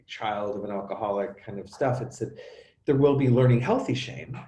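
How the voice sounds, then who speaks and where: Animated man in an echoey room. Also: medium pitch. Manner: animated, halting, many restarts and acted-out sounds. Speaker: actor and coach, interview guest. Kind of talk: emotional conversational interview.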